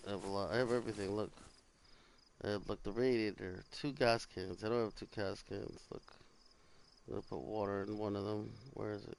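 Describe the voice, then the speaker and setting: A man's voice: on the low side, vocal fry, a little hiss or hum. A man talking casually through a survival game, sounding tired and rambling, with casual swearing. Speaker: gamer streaming survival gameplay. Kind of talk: casual gameplay commentary. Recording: loud game ambience of crickets and animals.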